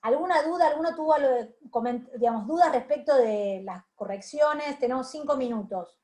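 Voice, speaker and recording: A woman lecturer with a Rioplatense Spanish accent speaks in a somewhat high voice. She explains corrections patiently but hesitantly, with frequent fillers and restarts. It sounds like a video call. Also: brisk, warm tone. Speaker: university lecturer. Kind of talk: online class feedback.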